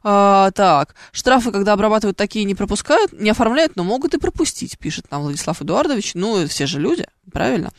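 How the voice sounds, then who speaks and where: A woman's voice: medium pitch, lively intonation, a little fast, few pauses, no echo, clean studio sound. A woman hosting a live call-in radio show, chatting playfully and reading listener messages. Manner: chatty, playful, thinks aloud with fillers. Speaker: radio traffic show host. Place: radio studio. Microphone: studio microphone.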